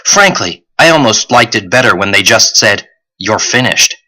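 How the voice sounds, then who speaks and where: A man reading an audiobook, voicing a sarcastic, tired teenage boy who talks quickly and dismissively. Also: on the low side, expressive, bright, forceful tone, exaggerated voice, low-quality recording. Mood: exasperated.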